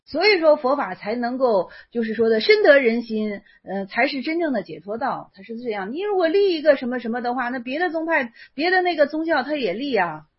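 A woman's voice: high-pitched, sing-song, fairly quick, hardly any pauses, husky. A woman giving a Buddhist dharma talk, explaining a Chan text in casual speech and often repeating and restarting phrases. The recording sounds dull and lo-fi.

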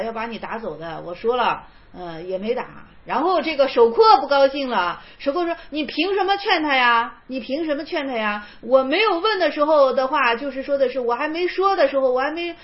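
A woman with a high-pitched voice explains old Chan Buddhist stories in a relaxed, conversational lecture. She repeats her phrases as she talks them through. The recording sounds dull and lo-fi. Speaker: teacher explaining Chan koans. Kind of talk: casual spoken lecture.

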